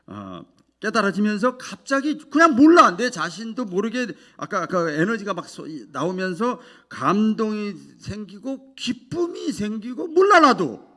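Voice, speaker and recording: Lively, bright-voiced Korean pastor preaching. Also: male voice, high voice, unhurried. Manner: emotional testimony, swinging from hushed to loud. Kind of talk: sermon.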